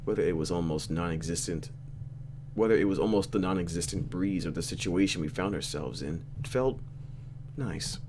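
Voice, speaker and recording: Speaking at normal speed in a voice that sits low, a man hosts a let's play of a visual novel, reading it out with casual narration and slangy, mock-exasperated asides. Background noise can be heard.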